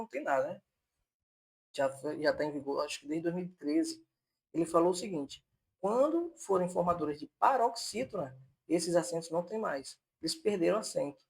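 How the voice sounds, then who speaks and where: Male grammar teacher, fairly high voice with a husky edge, patient repeat-it-back explaining. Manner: explanatory, repeats points on purpose to fix them. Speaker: Portuguese teacher. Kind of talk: online exam-prep lesson.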